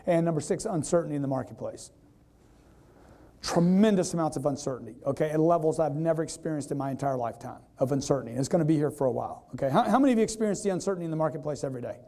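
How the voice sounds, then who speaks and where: A man giving an energetic live sales seminar, quizzing the audience and acting out customers in quoted voices. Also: a little high, very fast. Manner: energetic, repetitive, keeps quizzing the crowd. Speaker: sales trainer.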